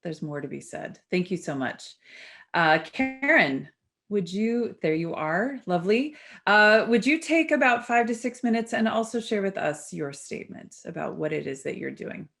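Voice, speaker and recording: A woman moderates an online debate over a video call and passes the floor to the next speaker in a friendly way. Her pitch moves a lot, and there is a gravelly edge to her voice. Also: animated, moderate pace, fairly bright tone.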